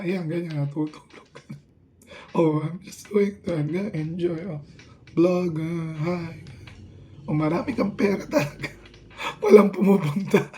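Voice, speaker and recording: A man talking casually to the camera in a rambling, halting way, often restarting his sentences. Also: on the high side, warm tone. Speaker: vlogger.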